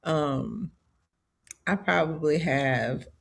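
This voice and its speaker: A woman's voice: low voice, drawn-out words, creaky. Easygoing woman coach, chatty. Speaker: executive coach. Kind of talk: casual conversational podcast.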